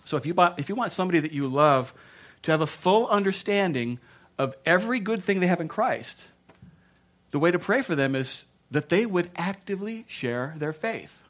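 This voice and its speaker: Joking Texan pastor preaching. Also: male voice, sits high, moderate pace. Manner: jokey, animated, many restarts and fillers. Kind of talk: sermon.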